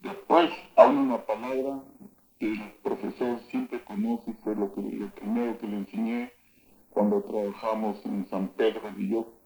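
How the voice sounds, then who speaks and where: A man teaching words of an old local language, saying each word slowly and loudly and then explaining its meaning. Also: lowish voice, fairly even intonation, rough recording. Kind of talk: spoken vocabulary lesson.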